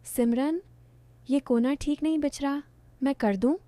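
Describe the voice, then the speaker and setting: A teasing, protective young man in a romantic audio story, voiced by a woman narrator. The voice sits a little high and mellow, and it is recorded close and dry. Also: a little slow, no echo. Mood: playful.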